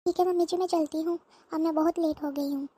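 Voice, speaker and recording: Woman voicing a polite young cartoon bahu, firm and lecturing, even high voice. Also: fast talker, no room sound. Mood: calm lecturing. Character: sensible young working daughter-in-law, polite and firm. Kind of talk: cartoon voice acting.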